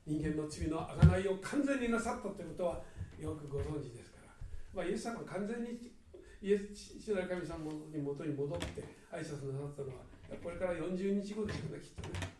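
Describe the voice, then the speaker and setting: High-voiced man preaching, earnest, goes loud then quiet, heard from a bit off the mic. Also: animated, brisk, background noise. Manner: earnest, swings between loud and hushed. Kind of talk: sermon. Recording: echoey hall, mic at a distance.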